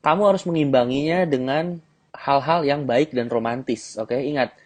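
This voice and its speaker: A man teaching as a dating coach in an instructional audio lesson, talking directly to the listener and often checking in with a quick "okay". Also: medium pitch, a little mellow.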